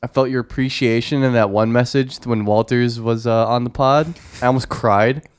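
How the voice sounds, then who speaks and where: A man co-hosting a comedy podcast, jokey and excitable in casual chat. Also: mid-range voice, normal speed, smooth. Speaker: podcast co-host.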